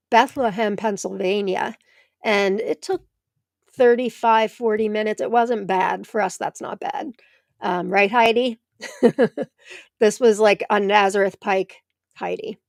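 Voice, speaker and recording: A woman's voice: medium pitch, a little slow, vocal fry, no room sound, clean studio sound. A middle-aged American woman hosting a live stream from home, chatting and answering viewers by name. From United States. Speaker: host of a live tomato show. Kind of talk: live stream chat reading comments.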